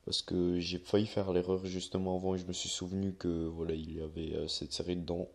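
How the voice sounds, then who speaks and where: A young man with a very low, deep voice talks viewers through a phone tutorial in a loose, unscripted way. He rambles, hesitates with fillers, and corrects himself as he goes. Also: flat delivery, fairly quick. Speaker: YouTuber giving a tutorial. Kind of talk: casual screen-recorded tutorial.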